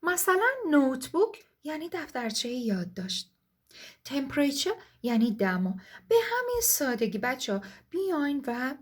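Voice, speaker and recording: A woman teaching English vocabulary in a casual video lesson, encouraging and chatty, often addressing viewers warmly as her students. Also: sits high, very animated. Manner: encouraging, addresses viewers as kids and dear ones.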